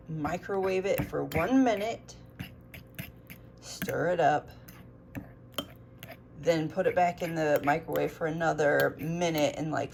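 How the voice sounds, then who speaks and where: A woman in a home kitchen, still carrying a rough morning voice, talking through a recipe in a relaxed, chatty way. Her voice sits low with a gravelly fry, and she takes her time, speaking slowly. A faint hiss of noise lies under the recording. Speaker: cooking vlogger. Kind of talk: casual kitchen vlog.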